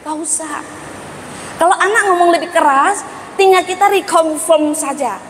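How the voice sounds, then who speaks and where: A woman giving a lively parenting seminar, quizzing the audience and acting out parents and children. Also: extremely high pitch, normal speed, slight background noise. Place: school hall seminar. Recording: reverberant hall with faint ambience.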